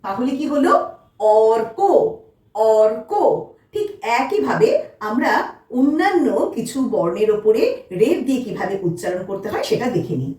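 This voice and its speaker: A woman teaching a children's spelling lesson, slow and patient, repeating each word twice. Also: on the high side, animated, darkish tone. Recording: echoey room, mic at a distance.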